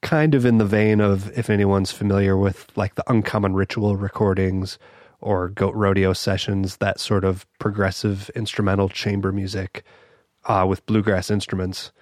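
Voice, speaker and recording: A podcast host opens his show casually, his deep voice scratchy and hoarse from a cold, with a level tone, moderate pace and a slightly mellow quality. He talks in an easygoing way with small restarts, recorded at studio quality with no room sound, and banjo music plays in the background.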